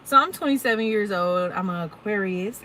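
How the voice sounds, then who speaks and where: A woman's voice: mid-range voice, moderate pace, bright, forceful tone, a little hiss or hum, rough recording. A woman in her twenties, a truck driver chatting casually and candidly to her viewers in a live Q&A, full of y'all and ums. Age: 20s. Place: at work, unloading her truck.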